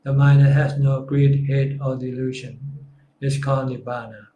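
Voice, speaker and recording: A man speaks as a Buddhist monk, answering questions in a live session with calm, simple replies. His pitch stays level and steady throughout. The voice carries a roomy echo over a faint background hiss. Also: moderate pace. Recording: echoey room.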